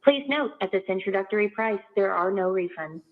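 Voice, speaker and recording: A woman delivers a scripted promotional pitch in a smooth, upbeat way. It plays during a jail payphone call, so it sounds thin and boxy like a phone line. Her pitch stays in a middle range. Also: lively intonation, brisk, a loud crowd. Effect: heard over a jail payphone line. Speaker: ad announcer.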